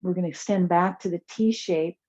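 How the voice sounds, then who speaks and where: A woman teaching chair yoga, guiding movement and relaxation in a soft, soothing, unhurried way with pauses. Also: lowish voice, lo-fi sound. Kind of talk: guided yoga class and relaxation.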